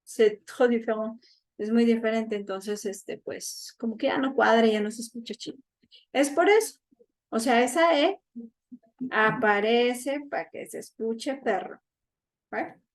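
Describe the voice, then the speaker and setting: A young woman teaches at a slow, deliberate pace. Her voice sits a little high. She explains patiently and often checks whether her students follow. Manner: patient, repeats each point with check-ins. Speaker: French teacher. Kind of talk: online class lesson.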